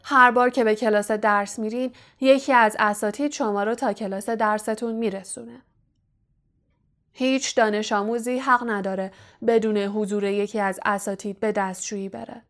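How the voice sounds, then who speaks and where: Strict old lady professor, kinda hoarse, grave woman reading her. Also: mid-range voice, steady tone, lightly acted. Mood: stern. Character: stern older female school professor. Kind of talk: audiobook character reading.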